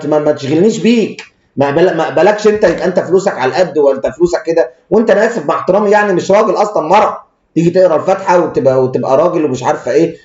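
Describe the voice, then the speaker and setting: Fast-talking Egyptian stock analyst. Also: male voice, on the high side, a little mellow. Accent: Egyptian Arabic. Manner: brash, blunt and crude, with frequent stammered restarts. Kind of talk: rapid technical market commentary. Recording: echoey room, dull lo-fi sound.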